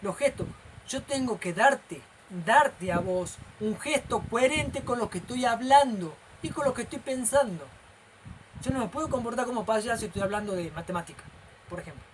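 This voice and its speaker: Speaking at a moderate pace in a high-pitched voice, a male teacher with a Rioplatense Spanish accent lectures informally, walking through things step by step and often making sure the listener keeps up. His manner is animated and gestural, and background noise can be heard.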